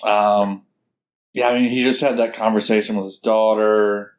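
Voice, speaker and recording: Man, podcast co-host, casual chat, hesitant, filler-heavy, lowish voice. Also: steady tone, normal speed. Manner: hesitant, stammering restarts, many fillers.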